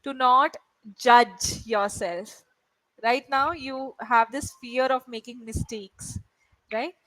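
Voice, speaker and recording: Slowly and in a slightly high, somewhat bright voice, an Indian woman with Malayalam as her first language tutors English over video. She keeps the mood encouraging, checking in with her student often using "right?" The audio is dry but rough.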